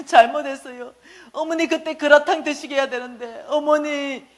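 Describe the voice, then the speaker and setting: A woman's voice: sits high, fairly even intonation, normal speed, pitched above the performer's own voice, natural voice. A woman voicing her stubborn young son, whiny and tearful as he pleads. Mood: apologetic.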